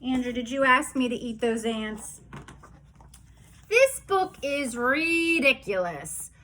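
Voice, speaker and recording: A woman's voice: high-pitched, lively intonation, takes it slowly, fairly bright tone. A woman preschool teacher reading a storybook aloud to young children, with playful, mock-outraged protests.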